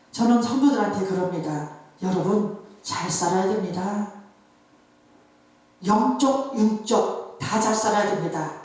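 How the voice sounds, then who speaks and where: A woman's voice: medium pitch, darkish tone. A woman pastor giving an emotional sermon, telling stories and acting out the voices of others. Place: church revival hall. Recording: echoey hall, voice from far off.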